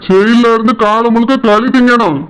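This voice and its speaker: A man voicing a threatening middle-aged brother-in-law, speaking slowly and deliberately. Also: very high-pitched, steady tone, a bit bright, smooth, voice pushed down, poor audio. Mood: menacing. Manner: menacing, slow and deliberate.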